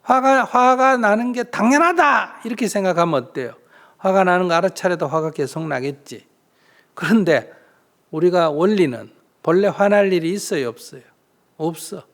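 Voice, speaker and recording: A man's voice: sits high, moderate pace. A man, a Buddhist monk answering questions in a dharma talk, teaching through rhetorical questions and small acted-out dialogues. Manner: lively rhetorical questions, acts out little dialogues.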